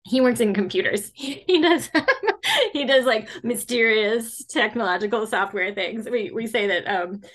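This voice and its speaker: A children's fantasy author in her forties who grew up mostly in Latin America answers interview questions chattily, laughing often and using many fillers. Her voice is a little high and fairly bright, and she speaks unhurriedly.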